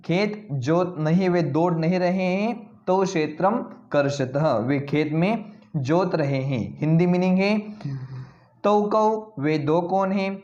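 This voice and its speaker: Slow, patient male Sanskrit teacher. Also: high voice, a little mellow, muffled recording. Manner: reads each Sanskrit word slowly, then explains it in Hindi. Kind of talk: classroom lesson explaining word by word.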